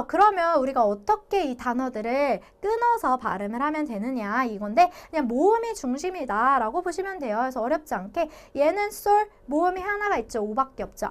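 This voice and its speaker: A young woman teaching an online language lecture, explaining step by step and repeating key points with playful asides. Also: high-pitched.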